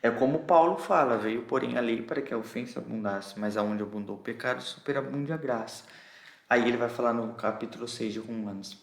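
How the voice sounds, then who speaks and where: This preacher's mid-range voice is gravelly and brisk, echoing around the room. He has a Brazilian Portuguese accent and explains a scripture passage in an expository sermon, often checking in with "entendeu?"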